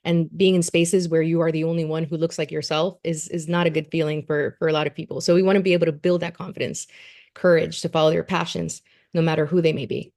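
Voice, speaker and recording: Speaking fast, this woman coordinates an education program and is describing its youth science work to a community group at a meeting. Her delivery is earnest but loose, full of fillers and restarts, over a low, gravelly voice with constant fry.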